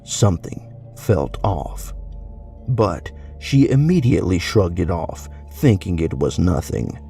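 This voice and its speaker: A man reads a horror story in a very deep, dark voice, full of gravel. He tells it slowly and broodingly, with a scripted storyteller's pace. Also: sing-song, soft background music.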